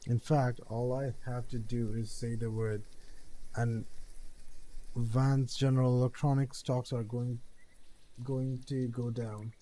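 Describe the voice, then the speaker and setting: Mellow-voiced man stumbling through a read-aloud. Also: mid-range voice, flat delivery, slow pace. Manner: stumbles over words, repeats and restarts. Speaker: streamer reading a story game aloud. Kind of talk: casual read-aloud of game text.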